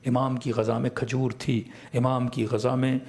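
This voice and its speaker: A man's voice: medium pitch, little pitch movement, darkish tone. Urdu-accented man lecturing with rhetorical questions. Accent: Pakistani Urdu. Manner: asks rhetorical questions and answers them himself. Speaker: Shia cleric. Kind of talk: religious lecture.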